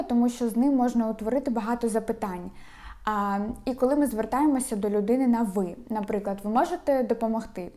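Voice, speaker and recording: A young woman with an upbeat manner who teaches a language lesson and repeats each phrase slowly so learners can follow. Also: fairly high pitch, warm tone. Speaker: Spanish teacher.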